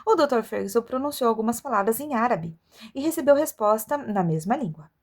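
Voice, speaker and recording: A woman's voice: a little high, lively intonation, fairly quick, darkish tone. A woman reading a children's adventure novel aloud as an audiobook, expressively, with the odd stumble of an amateur reader.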